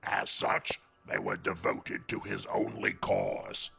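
A man voicing a grave, patient, wise otherworldly sage in a cartoon, gravelly and husky, with a measured, solemn manner. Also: sits low, big pitch swings, bright, forceful tone, full character voice.

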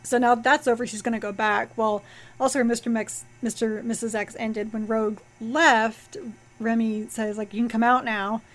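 A woman's voice: fairly high pitch, flat delivery, normal speed. A woman co-hosting a casual comics podcast, rambling through plot recaps with fillers and restarts. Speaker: podcast co-host.

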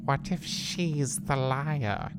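A woman's voice: very deep voice, extremely slow, noisy background, full character voice. A woman voicing Thornwick, a pompous, suspicious male adventurer wizard, in a comedic audio drama. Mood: scheming. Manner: smug accusing, then blubbering.

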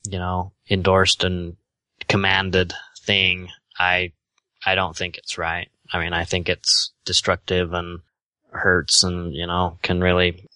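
Utah accent guy getting interviewed, really low and kinda monotone, unsure, feels his way along. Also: smooth, dry recording. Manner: hesitant, halting, tentative. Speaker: podcast interview guest. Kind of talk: casual unscripted interview answers.

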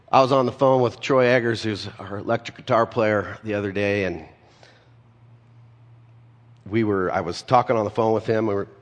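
Pastor preaching in a reverberant hall. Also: male voice, on the low side, fairly bright tone. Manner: conversational, storytelling with asides. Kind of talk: sermon.

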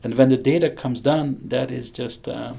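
The voice is gravelly and warm: a man in his sixties, a physicist with a Hungarian accent, talking with enthusiasm in a conversational interview. His pitch is mid-range and his tone steady, his pace moderate, with frequent chuckles and restarts.

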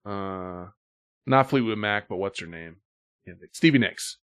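A man's voice: lowish voice, slow pace, a bit bright, clean tone. A middle-aged man hosting a podcast, chatting casually in a rambling, profane way. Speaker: podcast host. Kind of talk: casual chat.

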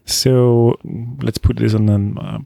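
A man interviewing a guest, asking halting questions with frequent restarts. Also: fairly low pitch, little pitch movement, gravelly, dark tone, no echo, clean studio sound. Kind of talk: conversational interview.

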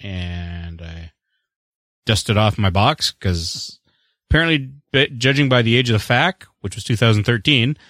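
In a clean, dry studio recording, a man with a lowish, fairly bright voice talks in an animated but unhurried way. As a podcast co-host, he rambles casually and wryly about books and movies, often poking fun at himself.

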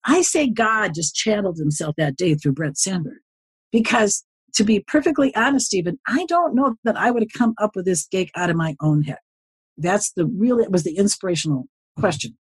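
Casting: woman in her 70s, husky, dry close sound, chatty storyteller who wanders into asides. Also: mid-range voice, lively intonation, normal speed, dry recording. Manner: rambling, folksy, often circles back with asides. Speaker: podcast guest, social media consultant. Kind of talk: casual storytelling interview.

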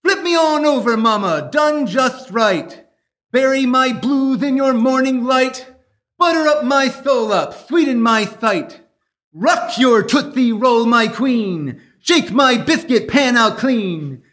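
A man's voice: very high voice, animated, slow, a bit bright, heavily acted. A man voicing a dopey, cheerful cartoon moose who grandly recites poetry in a goofy voice for a radio-style comedy sketch. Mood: crooning recital. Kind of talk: old-time radio variety sketch.

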